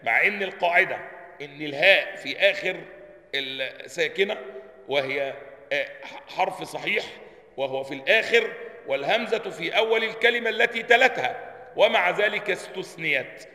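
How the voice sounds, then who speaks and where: Egyptian sheikh, male, sharp tense tone, drills pronunciation and quizzes students, roomy reverberant space. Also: fairly high pitch, normal speed. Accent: Egyptian Arabic. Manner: quizzes listeners with repeated questions, drills pronunciation aloud. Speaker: sheikh teaching Quran sciences. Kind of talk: religious lesson explaining a text. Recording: long hall reverb, roomy.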